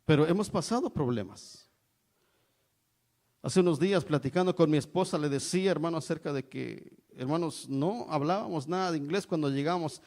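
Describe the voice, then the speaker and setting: A high-pitched middle-aged man from Mexico delivering an evangelical sermon. He preaches emphatically and peppers nearly every phrase with a call to his brothers and sisters. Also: normal speed, darkish tone. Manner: repeats "hermanos" constantly, emphatic preaching.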